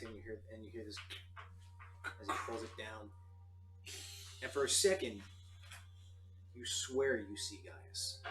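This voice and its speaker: A man's voice: fairly low pitch, a bit bright. A man working as game master, narrating a tabletop game. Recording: roomy echo, faint noise.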